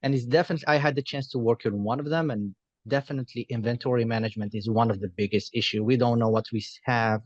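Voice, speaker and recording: An enthusiastic man from Algeria, a jury member giving effusive feedback at an online pitch event over a video call. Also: fairly even intonation, fast, dry recording, highs cut off.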